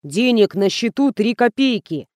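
Woman reading as a rough grumbling driver. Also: a little high, lively intonation, unhurried, darkish tone, no echo, clean studio sound. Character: rough, slow-witted middle-aged male driver, grumbling.

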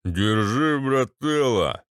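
A man voicing a drunk, boorish ex-paratrooper with a bassy, slurred, swaggering delivery. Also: animated, slow pace, fairly bright tone, clear, resonant tone, dry recording, studio quality. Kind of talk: audiobook character voice.

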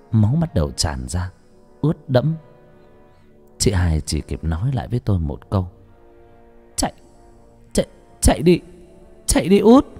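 A man tells a horror story in dramatic, expressive audiobook narration. His low voice rises and falls a great deal. Faint music plays beneath him. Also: husky.

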